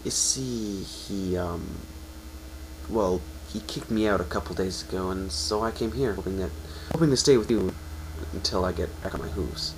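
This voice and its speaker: A man voices a downcast young pegasus in a fan-fiction reading, his pitch low. Nervous, the character speaks earnestly yet haltingly, taking the blame on himself. Faint noise runs through the recording.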